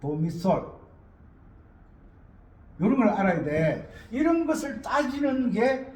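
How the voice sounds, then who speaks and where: A man's voice: high-pitched, sing-song, takes it slowly, a little mellow, echoey room, slight background noise. A man teaching a music theory lesson, repeating key words and asking rhetorical questions.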